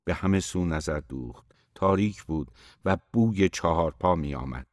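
Deep-voiced man narrating a novel. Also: expressive, dry recording, clean studio sound. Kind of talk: audiobook narration.

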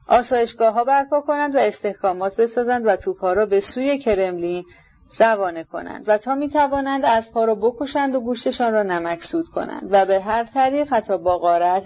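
A woman's voice: a little high, a little mellow. A woman reading the part of an old general who is grandly swept up in his own war memories, on a dull lo-fi recording.

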